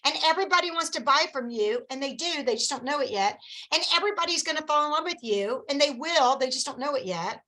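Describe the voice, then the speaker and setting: A woman coaching her sales team in a lively, chatty, encouraging way, with folksy asides. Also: high-pitched, quick pace, low-quality recording.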